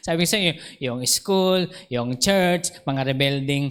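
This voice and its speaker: This Filipino pastor, speaking with a Filipino accent, tells stories in his sermon during a church service, acting out dialogue and laughing frequently. He sounds fairly high-pitched, slow and smooth.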